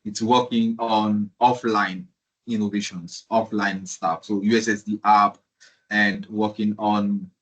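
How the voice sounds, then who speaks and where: A male panelist with a husky, low voice that stays flat in pitch. He repeats words and rambles as he answers the question. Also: takes it slowly, dull audio. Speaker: online panelist.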